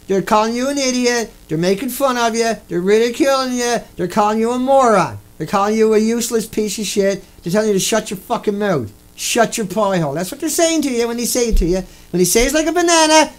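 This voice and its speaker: A man delivering an angry, profane ranting monologue, repeating himself and bursting into shouts. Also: high-pitched, low-quality recording. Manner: repetitive, profane, indignant. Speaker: video host.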